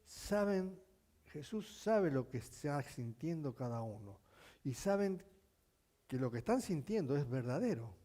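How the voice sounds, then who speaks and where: A male pastor preaching a sermon, telling stories with animation and asking his congregation questions, at times rising to near shouting. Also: on the high side, very animated, unhurried. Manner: addresses the congregation with frequent questions.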